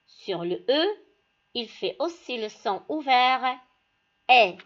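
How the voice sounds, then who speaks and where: A woman teacher giving a classroom lesson, speaking deliberately and addressing her pupils directly. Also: on the high side, very animated, muffled recording. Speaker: primary school teacher.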